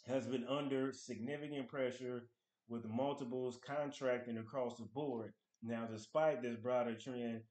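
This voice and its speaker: Guy in his 30s talking stocks to his webcam, mid-pitch voice, room kinda echoey. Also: a little mellow. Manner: conversational, reads article excerpts aloud and comments. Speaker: finance channel host. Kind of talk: casual stock analysis talk to camera. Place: small room at home.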